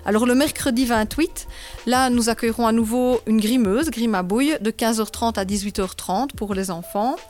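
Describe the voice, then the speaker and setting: A woman's voice: fairly high pitch, moderate pace, darkish tone, soft background music. A woman, a guest in a radio interview, methodically walking through an event schedule. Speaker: guest, local events organizer.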